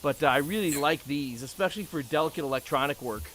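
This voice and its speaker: A man's voice: fairly high pitch, fast, a bit bright, a little hiss or hum. A man chatting casually and talkatively, with joking asides, as he shows off things. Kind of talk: casual chat about tools.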